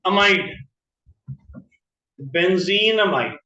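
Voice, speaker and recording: A man teaching chemistry in a classroom, quizzing students by name and slowly repeating each compound name. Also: high voice, animated, sharp tone. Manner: questions students by name, drills terms slowly. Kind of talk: classroom lecture. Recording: roomy, distant, dull lo-fi classroom audio.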